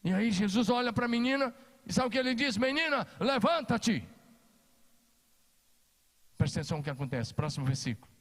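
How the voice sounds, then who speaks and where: A man's voice: sits high, lively intonation, racing, in a large hall. A Brazilian man preaching a sermon as pastor, emphatic and repeating his key phrases. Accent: Brazilian Portuguese. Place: church hall.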